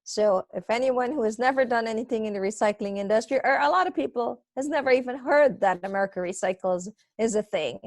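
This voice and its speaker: A woman's voice: on the high side, fairly quick, few pauses, no room sound. A middle-aged woman from Guyana, a guest talking about recycling in a friendly, chatty way on a live video call.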